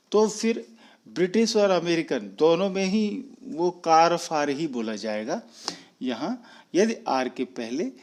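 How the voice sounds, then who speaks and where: A man from India with a voice pitched a little above the usual, giving an English lesson. He goes slowly and deliberately, spelling words out letter by letter and repeating each example word more than once. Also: darkish tone. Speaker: English teacher. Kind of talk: explaining lesson.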